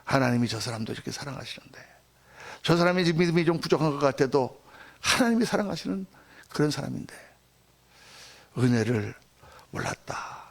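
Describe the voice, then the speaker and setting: A male pastor preaching an emphatic sermon in a church, often addressing the congregation directly and acting out quotes. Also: high voice. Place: church sanctuary.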